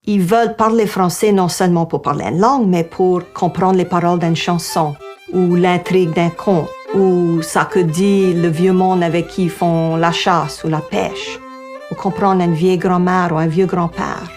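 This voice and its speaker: A woman's voice: fairly low pitch, fairly even intonation, measured pace, a little mellow. A woman from Louisiana with a Cajun French accent, speaking reflectively as a university coordinator in a documentary. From Louisiana, United States. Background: fiddle music.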